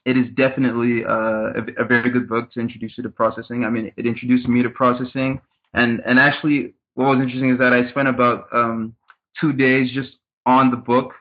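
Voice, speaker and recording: A Cameroonian startup consultant, appearing as a guest in a casual interview, describes his background in a measured way, often repeating words as he thinks. His mid-range voice stays flat and even. The audio is tinny, like a phone line.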